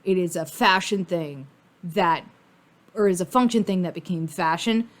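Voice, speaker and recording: Casually rambling woman, thinking out loud. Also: fairly low pitch, moderate pace. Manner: informal, mildly sweary, thinking out loud. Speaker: fan commentator. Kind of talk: casual rambling commentary on cartoon costume design.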